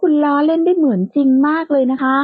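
A woman voicing a polite, soft-spoken young woman, in a lightly lo-fi, dry recording. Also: high-pitched, quick pace, no room sound, lightly acted.

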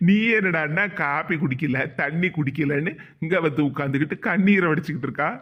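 A man's voice: on the high side, moderate pace, slightly rough, dull audio. A man voicing a teasing young husband in a cartoon, chuckling and coaxing, with a Kanyakumari Tamil accent. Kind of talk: cartoon voice acting.

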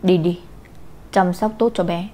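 Woman voicing a brisk bossy housemaid. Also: on the low side, steady tone, dark tone, slight background noise, lightly acted. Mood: urgent. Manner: brisk, urging. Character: bossy middle-aged housemaid.

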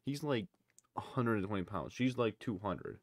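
A man's voice: on the low side, animated, normal speed, no room sound. A young man giving loose, casual running commentary on fail clips, full of exclamations. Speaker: reaction video creator.

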